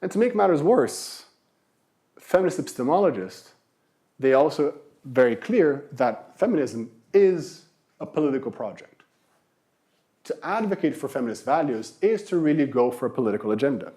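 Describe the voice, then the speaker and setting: A man in his thirties lecturing to a university class in a mellow, darker voice. He explains step by step, poses rhetorical questions and repeats key words for emphasis. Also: mid-range voice, expressive, moderate pace. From Brazil.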